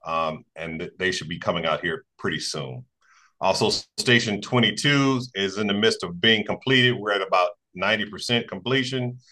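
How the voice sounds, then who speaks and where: Deep-voiced fire captain, bright and forceful. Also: male voice, normal speed. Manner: plain, with frequent fillers. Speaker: fire captain giving a report. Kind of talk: meeting report on a call.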